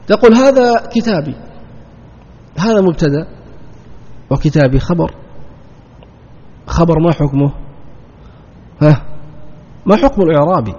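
A man's voice: a little high, expressive, moderate pace, long pauses, darkish tone, slightly rough. A man teaching a grammar lesson, who asks his students questions and answers them himself, repeating the key terms. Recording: dull lo-fi sound in a long-echo hall.

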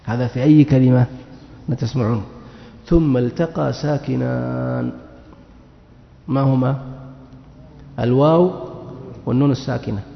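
A man's voice: mid-range voice, measured pace, vocal fry, pauses often, a little hiss or hum. A man teaching a grammar lesson, asking questions and answering them himself, repeating key words. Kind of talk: classroom lesson. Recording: muffled echoey hall recording.

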